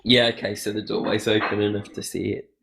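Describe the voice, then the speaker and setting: A man narrating a tabletop game as game master, in a halting, conversational way. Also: lowish voice, flat delivery, creaky, fairly bright tone.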